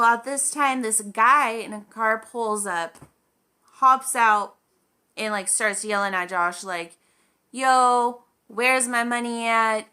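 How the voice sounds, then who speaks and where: A woman's voice: medium pitch, sharp tone, smooth. A woman vlogger telling a story in a casual, chatty way, full of "like" and acted-out quoted dialogue.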